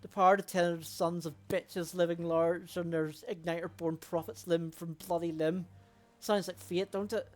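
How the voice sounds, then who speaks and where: A woman voicing a bitter, vengeful killer in a game, telling grim things slowly, with faint music behind. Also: fairly low pitch, steady tone, natural voice.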